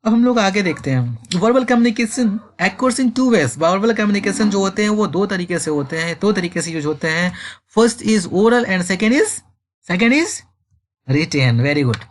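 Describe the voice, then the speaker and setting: A man teaching a school lesson. He reads English lines slowly and then explains them. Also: high-pitched, animated. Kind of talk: classroom lecture.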